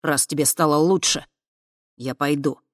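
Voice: mid-range voice, steady tone, unhurried, no echo, close to an everyday voice. Brief: reader voicing a young man, curt, cold, resentful; dry sound. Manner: clipped, cold delivery. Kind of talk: audiobook character voice.

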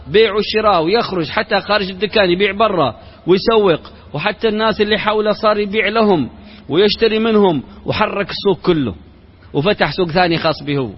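A man's voice: high-pitched, lively intonation, brisk, slightly rough. A man, an Islamic sheikh, giving a religious lecture built on rhetorical questions and parables, mixing formal speech with everyday colloquial words. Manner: mixes formal Arabic with colloquial. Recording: reverberant hall, dull lo-fi sound.

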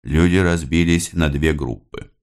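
A man narrating a classic novel as an audiobook in a dramatic, measured storytelling manner. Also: rumbling low, fairly even intonation, a little mellow.

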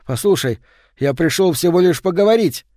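A male narrator plays a scared young man who pleads loudly and urgently, his voice pushed higher. The recording is dry and close. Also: animated, normal speed, dry recording, natural voice. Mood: desperate.

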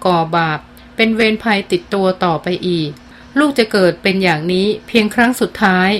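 A woman voicing a teenage girl who speaks softly and evenly, gently soothing her pet dog in a storybook reading. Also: mid-range voice, brisk, slight background noise, lightly acted. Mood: tender. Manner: soft, calm and even, tender.

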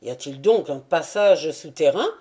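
A woman voicing a young Cossack man who speaks in loud, urgent, pressing questions in an audiobook. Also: low voice, lively intonation, normal speed, slightly rough.

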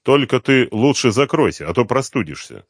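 A man reading an audiobook, voicing a calm, unflappable man who speaks levelly and with dry irony. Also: medium pitch, normal speed, no echo, pitched above the performer's own voice. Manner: calm, level, dryly ironic. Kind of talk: audiobook character voice.

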